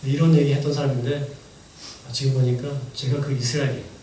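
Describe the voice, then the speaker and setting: A man's voice: mid-range voice, level tone, quick pace, dark tone. A man giving a church testimony as a missionary, telling his story with strong emotion that rises and falls. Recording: echoey church hall from far off, faint noise.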